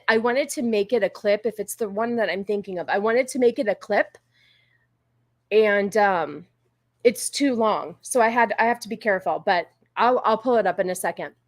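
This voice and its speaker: A woman with a slightly high voice hosts a livestream. She talks informally to her viewers and drifts from thought to thought. The sound is close and dry. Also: dry recording. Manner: informal, rambling, easily sidetracked. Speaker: livestream host. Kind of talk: casual chat with live viewers.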